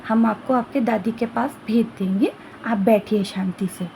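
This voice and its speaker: A woman storyteller voicing a gentle young noblewoman from a golden kingdom who speaks politely and soothingly. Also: fairly high pitch, unhurried, vocal fry, a little hiss or hum. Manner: soothing, polite, formal reassurance.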